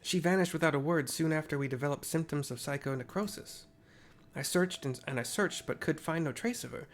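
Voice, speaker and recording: A man reading the lines of a remorseful male champion wrestler in a game, in a measured, earnest voice. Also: fairly high pitch, close to an everyday voice. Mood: grave. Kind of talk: reading game dialogue aloud.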